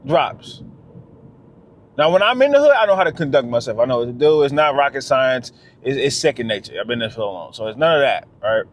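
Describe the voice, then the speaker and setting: A man's voice: medium pitch, sing-song, brisk. A man talking straight to camera in a casual vlog, emphatic and slangy, repeating his phrases for weight. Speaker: vlogger.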